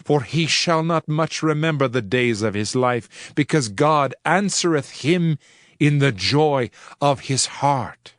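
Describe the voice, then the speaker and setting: A man's voice: medium pitch, expressive, takes it slowly, no room sound, studio quality. Solemn man reading scripture. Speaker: scripture reader. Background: faint background music.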